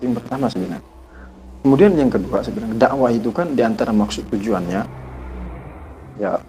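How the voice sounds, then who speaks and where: A man's voice: mid-range voice, a little fast, warm tone, slight background noise, poor audio. Earnest man telling a personal story. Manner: earnest, reflective, often quotes himself. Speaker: podcast guest, Islamic teacher. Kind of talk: casual storytelling in conversation.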